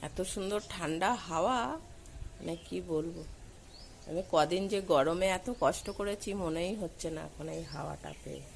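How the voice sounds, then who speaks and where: Hoarse woman vlogger, lowish voice and wide swings in pitch, cooing at her pets over faint background noise. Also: normal speed. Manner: coos and calls out high and loud to her dogs. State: hoarse with a cold and sore throat. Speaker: vlogger filming her dogs. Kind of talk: casual chatty vlog narration. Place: at home and just outdoors in the evening.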